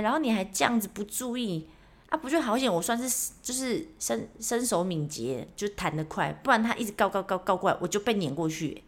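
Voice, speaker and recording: A young woman hosts a podcast, telling a personal story in a chatty, self-mocking, animated way. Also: mid-range voice. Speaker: podcast host. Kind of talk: casual solo storytelling.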